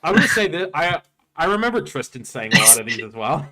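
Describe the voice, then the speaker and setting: A man's voice: on the high side, sing-song, brisk, a crowd in the background. A man hosting a live stream, chatting casually, swearing freely and sounding mock-indignant. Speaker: streamer host.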